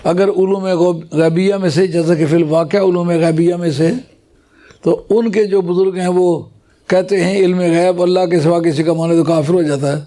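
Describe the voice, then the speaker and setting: A man giving a scholarly religious talk to a gathering, explaining points patiently and reciting Arabic phrases slowly. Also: high voice, fairly even intonation, warm tone.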